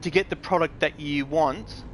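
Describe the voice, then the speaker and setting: A man's voice: on the high side, moderate pace, slight background noise. A grown man ranting bluntly and with frustration, swearing and mocking what others say. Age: adult. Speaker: gamer vlogger. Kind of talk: angry ranting commentary.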